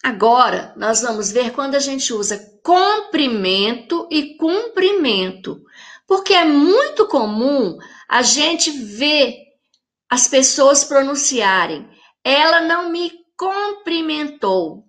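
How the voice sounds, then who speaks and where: A woman with a Brazilian Portuguese accent teaching a recorded grammar lesson for children, explaining slowly and carefully to her pupils. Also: high-pitched, big pitch swings, fairly bright tone.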